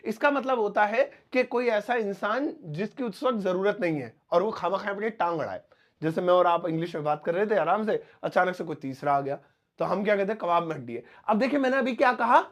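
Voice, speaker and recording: A man from India teaching English phrases in a lively, chatty way, repeating each English phrase slowly word by word. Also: high voice. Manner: chatty asides to students. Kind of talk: Hindi-language English lesson.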